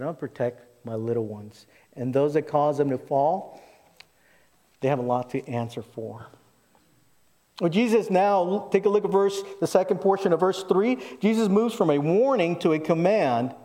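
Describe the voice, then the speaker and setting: A man's voice: on the high side, darkish tone, long reverb tail. A man pastor preaching a sermon into a pulpit microphone in a church, talking to the congregation in a conversational way, his voice rising and falling for emphasis. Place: church sanctuary.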